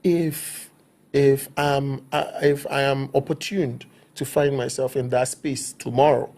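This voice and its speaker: A man's voice: mid-range voice, little pitch movement, measured pace, a little mellow. A middle-aged Nigerian man with a Nigerian accent, an actor speaking as an interview guest in an emphatic, preaching way that keeps checking he is understood. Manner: emphatic, preaching, repeats himself with "do you understand me?". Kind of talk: interview talk.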